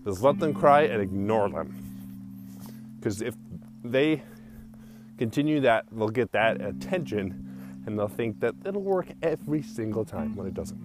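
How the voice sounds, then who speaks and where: A man's voice: lowish voice, big pitch swings, unhurried, pauses often. A young man hosting his own podcast, telling casual stories while walking outdoors, rambling with lots of "like" and frequent laughs. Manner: rambling, full of "like" fillers, laughs often. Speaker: solo podcast host. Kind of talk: casual storytelling monologue. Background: guitar music.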